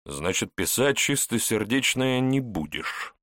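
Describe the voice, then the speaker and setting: A man voicing a coarse, mocking male police investigator who talks in gruff slang, in an audiobook. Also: medium pitch, expressive, measured pace, a bit bright, dry recording, clean studio sound, voice pushed up. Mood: scornful.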